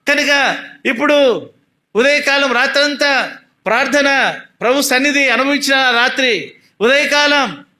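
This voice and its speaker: A man giving an emotional personal faith testimony, earnest and repetitive, going soft and low at the moving parts. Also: unhurried, pauses often.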